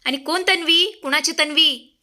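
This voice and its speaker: A woman's voice: sits high, normal speed, background noise, voice pushed up, lightly acted. A woman voicing a drunk, scheming young woman who taunts her family. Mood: drunken taunting. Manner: taunting, sneering.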